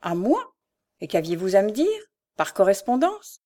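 A woman's voice: medium pitch, huge pitch swings, measured pace, warm tone. A stern old nobleman, as a woman reader puts him on. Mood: suspicious. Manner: rough, commanding. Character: stern aristocratic older nobleman, harsh and suspicious.

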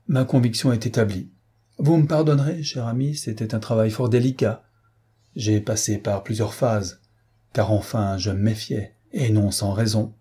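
A man's voice: on the low side, normal speed, mellow, slightly rough. A man voicing a stern middle-aged male official, clipped and condescending. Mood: authoritative.

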